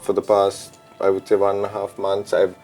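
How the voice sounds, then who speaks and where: Low, dark-voiced man answering easily. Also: normal speed, soft background music. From Sri Lanka. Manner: relaxed and reflective, many ums and uhs. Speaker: chef and DJ, interview guest. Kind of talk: casual interview answers. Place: studio set with pink backdrop. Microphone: lapel mic.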